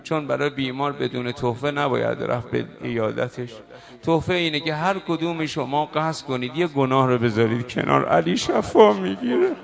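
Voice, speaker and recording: A male preacher giving a religious sermon, moving between slow, drawn-out shouted chanting and quiet, hushed storytelling. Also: mid-range voice, vocal fry. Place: religious hall at a night gathering.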